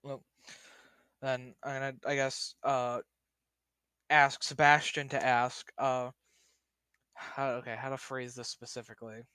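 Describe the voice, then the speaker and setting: A man's voice: mid-range voice, flat delivery, unhurried, pauses often, bright, forceful tone, clean tone, no room sound. A man playing a tabletop role-playing game, casually reasoning aloud in a hesitant, rambling way.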